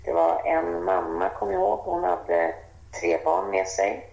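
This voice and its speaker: Woman radio guest, heavy vocal fry, animated storyteller, muffled roomy sound. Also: on the low side. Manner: lively and animated, acts out the voices of people in her story. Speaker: interview guest. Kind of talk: casual storytelling.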